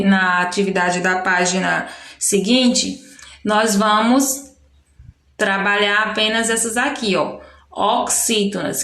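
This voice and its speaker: A woman's voice: a little high, a bit bright, roomy sound. A Brazilian woman teacher giving a recorded lesson to young pupils, explaining patiently and often correcting herself. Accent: Brazilian Portuguese. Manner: slow, patient explaining with frequent self-corrections. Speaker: primary school teacher. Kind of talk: recorded remote lesson walking through a textbook.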